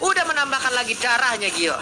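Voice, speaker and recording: An Indonesian man delivers live play-by-play for an esports match. Clear background noise sits behind his commentary. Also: very high-pitched, big pitch swings, fast. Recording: noisy match ambience behind voice.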